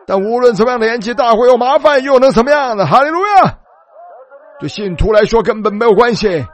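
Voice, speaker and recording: A man preaching a sermon, telling the story animatedly and calling out hallelujah. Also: very high voice.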